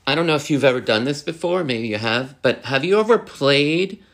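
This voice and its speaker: A man's voice: medium pitch, creaky. Rambling young man in casual chat. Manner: rambling and halting, full of restarts and fillers; animated when mimicking others.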